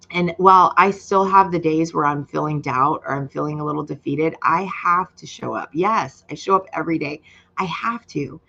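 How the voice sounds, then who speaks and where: A woman's voice: deep voice, fairly bright tone, muffled recording. A woman in her fifties giving an earnest, emotional testimonial, speaking straight to her viewers. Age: 50s. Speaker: program member sharing her story. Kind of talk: candid personal testimonial.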